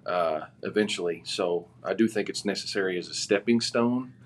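A man as a podcast guest, giving relaxed, rambling answers with many fillers. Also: sits low, moderate pace, noisy background. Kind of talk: casual interview answers.

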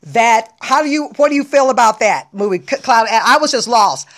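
A woman hosting a casual podcast chat, talking animatedly and exclaiming loudly when she gets excited. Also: on the high side, moderate pace. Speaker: podcast host.

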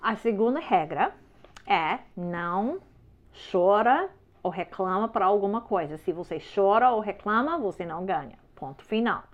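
A woman's voice: medium pitch, animated, moderate pace. A woman teaching parents in a firm, simple way, often checking in with listeners. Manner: simple, slightly broken phrasing. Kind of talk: instructional talk. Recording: slightly dull lo-fi sound.

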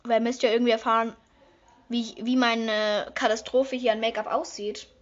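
A chatty teenage girl talks her way through a makeup routine, rambling casually and now and then jumping into high squealing excitement. Her voice sits a little high, and the recording sounds dull and lo-fi. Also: moderate pace. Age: teens. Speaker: vlogger. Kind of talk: casual makeup vlog chat.

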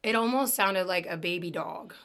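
A woman hosting a true crime podcast chats casually and informally, swearing and cracking jokes. Her raspy smoker's voice sits on the low side, a bit bright, at a normal speed.

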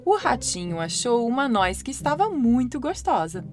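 A woman with a Brazilian Portuguese accent narrating a children's story as host of a story podcast, in a lively, expressive way. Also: fairly high pitch, normal speed, over loud music. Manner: lively, expressive, warm-hearted.

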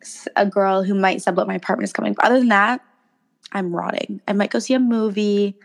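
A young woman co-hosting a casual chat, with a raspy voice from being sick and slangy talk full of "like". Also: mid-range voice, steady tone, a little fast. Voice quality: smoker-like rasp. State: sick with a cough, voice roughened. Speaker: podcast co-host.

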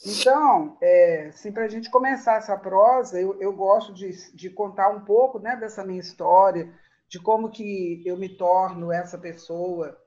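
Woman in her sixties, interview guest, animated storyteller who laughs often; dull lo-fi recording. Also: mid-range voice, unhurried. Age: 60s. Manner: warm reminiscing, laughs often. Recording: muffled lo-fi sound.

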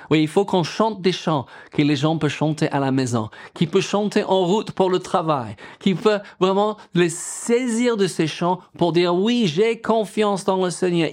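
Pastor preaching with emphatic rises. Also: male voice, on the high side, darkish tone. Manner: preaching with emphatic rises, quoting scripture, asking the congregation questions. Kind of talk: sermon.

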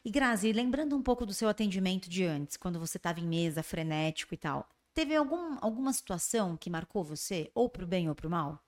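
A woman from Brazil hosting a podcast interview, asking questions with quick reactions and frequent tag questions. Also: on the low side, lively intonation. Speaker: podcast host. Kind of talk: casual interview chat.

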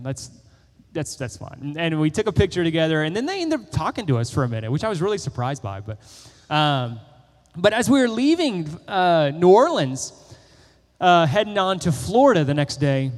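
Young pastor, male, casual sermon delivery with lots of fillers, higher-pitched voice, reverberant sanctuary sound. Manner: conversational, animated storytelling with many fillers. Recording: long reverb of a church hall.

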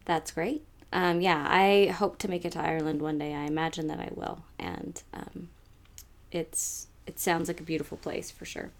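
A woman's voice: low-pitched, steady tone, moderate pace, creaky. A woman hosting a book podcast, chatting casually and reading out the show's sign-off. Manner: chatty, reads the outro aloud. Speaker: podcast host.

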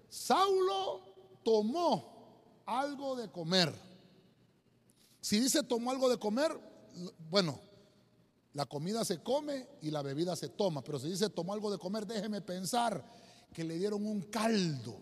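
A man's voice: sits high, big-room sound. A man preaching a sermon as pastor, repeating himself and speaking straight to the congregation. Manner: preaching with frequent repetitions and direct address to the congregation. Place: church sanctuary.

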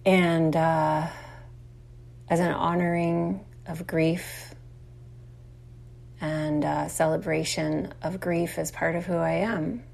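A woman's voice: low-pitched, level tone, slow, vocal fry, pauses often, darkish tone. A woman hosting a podcast, talking through a casual reflective monologue in a rambling way, full of fillers and calling her listeners y'all. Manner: chatty, addresses listeners as y'all. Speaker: podcast host.

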